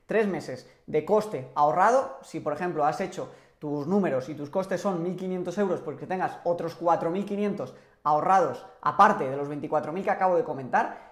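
A young man from Spain, explaining personal finance to camera in a measured, gesturing manner from a small home office on a lapel mic. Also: high-pitched, roomy sound. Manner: animated hand gestures, measured explanatory delivery.

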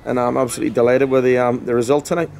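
A man in his forties, a football manager, gives a blunt, passionate post-match interview outdoors at a ground at night, speaking emphatically and repeating himself. His medium-pitched voice is flat, very fast, creaky and a little mellow. A handheld mic is held close, with faint outdoor noise behind him.

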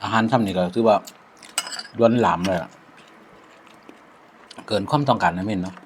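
A man vlogger with an Isan accent chats reflectively over a meal, sprinkling in many polite particles. His voice is lowish and his pace moderate, with slight background noise.

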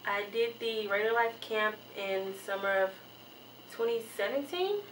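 A woman's voice: mid-range voice, unhurried, fairly bright tone, a little hiss or hum. A young woman from Houston, a student giving plainspoken interview answers indoors. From Houston, Texas. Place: indoor room by a window. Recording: roomy, distant mic.

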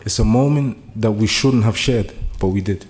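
A young man from Germany, acting as a community speaker, makes an earnest speech at a meeting room gathering, faltering with fillers early and then pressing into urgent appeals. His voice is lowish and a little mellow, at a normal speed.

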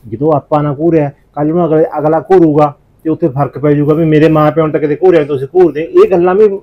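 A man's voice: on the high side, fairly even intonation, fast, lightly acted. A middle-aged man, playing a stern village father who lectures his wife. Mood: lecturing. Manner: lecturing, complaining husband. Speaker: father of a college girl. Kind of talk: village family drama acting. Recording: slightly dull lo-fi recording.

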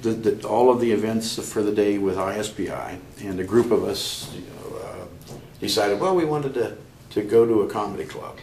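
An older man, a guest in an interview, telling stories in a halting way with many restarts. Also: on the low side, gravelly, darkish tone, roomy sound, a little hiss or hum. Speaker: interview guest, chapter member. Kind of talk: conversational storytelling.

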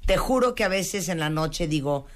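A woman hosts a radio talk show in a fairly low voice. She reads listener messages aloud and chats between them. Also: lively intonation, normal speed. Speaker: radio host.

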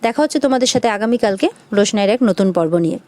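A woman's voice: medium pitch, animated, very fast, dark tone. A woman narrating a recap of a TV serial episode as a channel host, speaking to viewers as friends.

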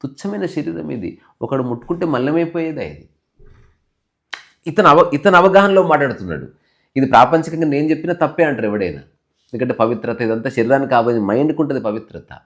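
A man telling a spiritual story on a podcast, animated, swinging between loud emphasis and soft asides. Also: medium pitch.

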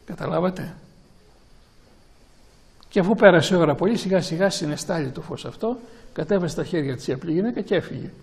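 A male priest giving a sermon to a gathering and taking questions, speaking slowly and haltingly with many restarts and repeated words. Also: on the high side, gravelly, darkish tone.

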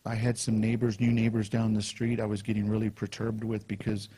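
A man's voice: on the low side, completely flat delivery, fairly quick, warm tone, a little hiss or hum. A man giving a sermon at a conference, telling stories in a chatty way and acting out the quotes. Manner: anecdotal, conversational with acted-out quotes. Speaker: conference speaker. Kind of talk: sermon storytelling. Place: conference hall.

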